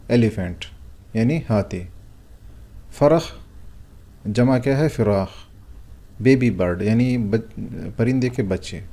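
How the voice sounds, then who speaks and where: Low, mellow-voiced man teaching patiently. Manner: patient, asks and answers his own questions; hesitant, frequent drawn-out fillers. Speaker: Arabic teacher. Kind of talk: vocabulary lesson, explaining words one by one.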